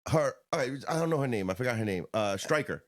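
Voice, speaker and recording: A man's voice: mid-range voice, lively intonation, fast talker, very noisy. A man co-hosting a podcast, chatting casually and rambling, often calling his friend "bro". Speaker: podcast co-host. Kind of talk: casual chat.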